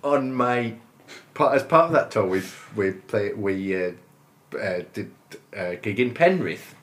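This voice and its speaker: Fifties guy from northern england, lowish voice, rambly and jokey, keeps laughing. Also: animated, unhurried, a bit bright. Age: 50s. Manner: rambling and good-humoured, often laughing while talking. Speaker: guest musician. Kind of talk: casual interview chat.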